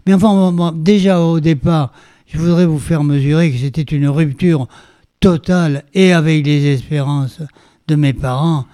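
Brief: older French man, veteran performer, mellow resonant voice, dry close sound. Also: fairly high pitch, normal speed, dry recording. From France. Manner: animated, theatrical storyteller with many restarts. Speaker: guest, veteran stage performer. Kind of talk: interview, autobiographical storytelling.

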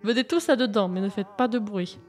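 A woman's voice: medium pitch, brisk, soft background music, natural voice. A woman voicing a clever, bold young girl who gives orders with confidence. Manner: bright, commanding, triumphant.

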